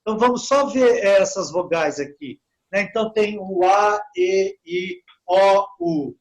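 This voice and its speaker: The audio is poor and his voice is high as this man walks Portuguese speakers through English in a relaxed online talk. He keeps saying "né?" and slows down to model how English words sound.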